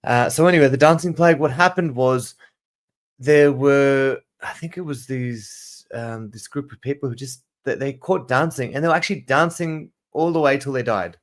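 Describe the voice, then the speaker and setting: A man's voice: medium pitch, moderate pace. A man with a mixed South African and Australian accent teaching a casual livestream lesson, rambling and correcting himself as he goes. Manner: rambling, digressive, self-correcting. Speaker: teacher hosting a live study session. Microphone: camera mic.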